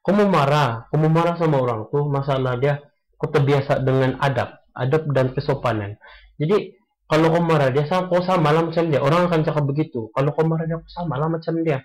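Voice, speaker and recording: A man's voice: a little high, a little mellow, rough recording. A young man, talking casually and earnestly about a personal experience, stopping often to restart his sentences. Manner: earnest, halting, many restarts, mixes English into Malay. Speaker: guest sharing experience. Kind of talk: casual podcast chat.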